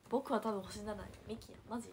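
A young woman livestreaming, chatting casually and reading viewer comments, with a hint of Hiroshima dialect and soft murmured asides. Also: mid-range voice, fairly even intonation, fast talker, gravelly, a little hiss or hum. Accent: picking up Hiroshima dialect. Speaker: idol livestreamer.

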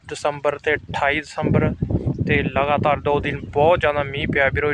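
Outdoor noise sits behind a man with a Punjabi accent and a fairly high voice. He talks to camera like a farmer showing viewers around, casual and repetitive, and his intonation stays quite flat. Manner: repetitive, addresses viewers as brothers. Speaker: farmer vlogger. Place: outdoors on farm fields. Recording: outdoor recording with clear background noise.

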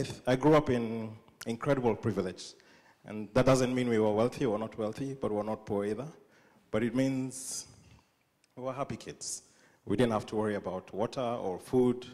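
A young Kenyan man gives a talk on a large dark stage, speaking into a handheld mic. His voice sits in a middling register and carries a long hall reverb. He jokes at his own expense and often restarts his sentences. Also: mid-range voice. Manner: humorous, self-deprecating, with frequent restarts. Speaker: conference speaker. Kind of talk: live conference talk.

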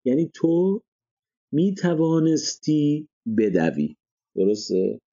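Husky, very dark-voiced male teacher. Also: fairly high pitch, big pitch swings, dull audio. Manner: checks understanding with frequent rhetorical questions. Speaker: language teacher. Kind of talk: explanatory lesson.

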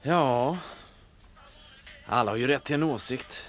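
An actor playing the new radio host in town, who talks in a dry, wry, slightly awkward way. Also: male voice, medium pitch, faint music behind, close to an everyday voice. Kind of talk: film drama acting.

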